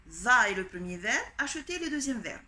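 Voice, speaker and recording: A woman's voice: on the high side, big pitch swings, brisk, bright, forceful tone. A woman primary school teacher giving a dictation lesson to children, patiently spelling out each letter and pen stroke step by step. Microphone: home recording for an online class.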